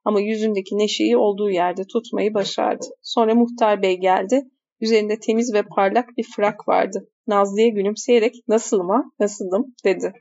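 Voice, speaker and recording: A woman's voice: medium pitch, fairly even intonation, a little mellow, lo-fi sound. Woman reading a novel aloud. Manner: pauses to comment on the text. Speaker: reader.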